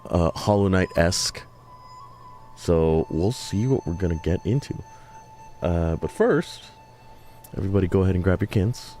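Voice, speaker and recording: A man streaming a game live, chatting casually to his viewers with a tired voice, rambling, excitable, full of ums and uhs. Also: low-pitched, a little hiss or hum.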